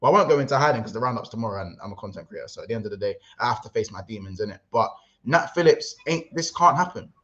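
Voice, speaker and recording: A man hosting a casual football livestream, rambling and excitable, reading out chat messages. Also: on the low side, very fast, dull audio. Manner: excitable, rambling, London slang. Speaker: livestream host.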